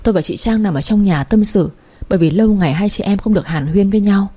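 A woman reads a romance story aloud in an even, steady way. Her voice is dark and mellow, with a slight husky edge. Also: medium pitch, fast talker. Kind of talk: storybook audiobook narration.

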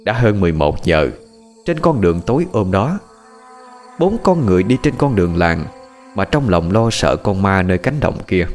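Lively low-voiced male ghost story narrator. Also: normal speed. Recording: faint music and night crickets behind.

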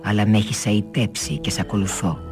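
A man's voice: on the low side, music in the background, natural voice. A narrator voicing a wary, gloomy man who plays the accordion, speaking sternly, in a radio novel reading.

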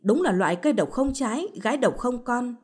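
A woman's voice: fairly high pitch, animated, a little fast, slightly rough. An older mother-in-law scolds shrilly in this read-aloud story, voiced by a woman narrator. Her lines come out accusing and biting. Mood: furious.

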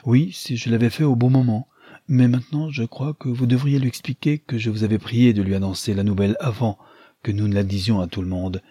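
A man with a husky voice voicing a gentle, earnest young society woman in an audiobook. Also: mid-range voice, steady tone, brisk, no room sound, clean studio sound, lightly acted.

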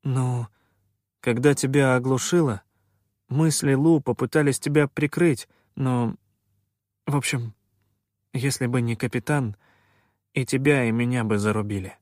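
A man doing a soft, hesitant young creature. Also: mid-range voice, steady tone, unhurried, pauses often, dry recording, studio quality, lightly acted.

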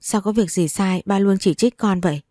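A woman's voice: mid-range voice, moderate pace, mellow, no echo, studio quality, natural voice. A woman voicing a tearful young woman pleading with her abusive father in a storybook reading.

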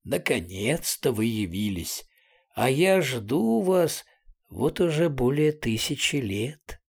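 A man voicing a stout, ruddy, grey-haired older doctor with a pleasant velvety voice, unhurried and amused. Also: medium pitch, very animated, gravelly, breathy edge, full character voice. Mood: genial.

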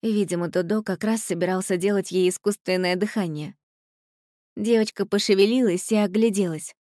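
A woman reading a storybook aloud in an expressive, scripted narration style. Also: mid-range voice, normal speed, dry recording, studio quality. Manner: expressive, voices the characters in quotes.

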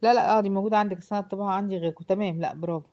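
A woman's voice: mid-range voice, fairly even intonation, very fast, mellow, dull audio. A woman with an Egyptian accent teaching a class, explaining step by step and often checking that her students follow. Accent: Egyptian Arabic. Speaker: Quran recitation teacher. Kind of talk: explanatory lesson to a class of girls.

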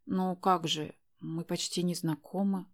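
A woman's voice: lowish voice, steady tone, a little slow. A woman voicing a shy, conscientious young female student in an audiobook, polite and hesitant. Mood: flustered.

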